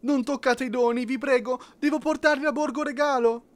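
A small elf boy, voiced by a male narrator, cries out high and loud. He pleads with urgency and sounds eager and brave. The voice is lifted well above a man's usual speech. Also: steady tone, brisk, no echo. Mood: urgent.

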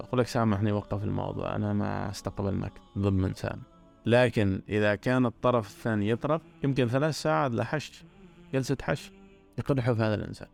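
A man's voice: fairly low pitch, vocal fry, darkish tone. A man giving an earnest religious talk, stressing points by repeating words. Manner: earnest, repetitive emphasis.

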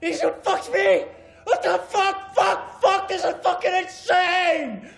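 A man's voice: very high-pitched, fairly even intonation, slow, gravelly, full character voice. An actor in a film playing a frantic, betrayed family man who screams and swears in hysterical outrage. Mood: frantic, outraged. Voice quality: hysterical shouting, profane. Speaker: film character.

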